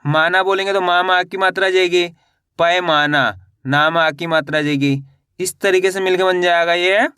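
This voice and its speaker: Male tutor with a bright, smooth voice; patient, repetitive spelling drills, very dry recording. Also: sits high, no echo. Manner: slow, repetitive drilling with quiz questions. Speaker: Hindi teacher. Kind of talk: spelling lesson, sounding out syllables.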